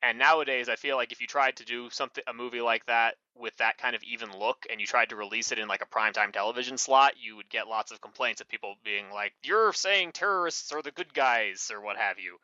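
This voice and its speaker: Bright-voiced man rambling in casual chat. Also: medium pitch, fairly even intonation, fast talker, few pauses, no room sound. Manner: rambling, full of fillers and self-corrections. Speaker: podcast co-host. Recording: muffled lo-fi mic.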